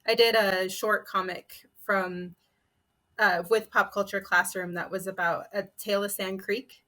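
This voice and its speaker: A comic artist and illustrator on a panel tells personal stories casually and conversationally, peppering her talk with "like." Her medium-pitched voice is flat, unhurried, pushed, and bright.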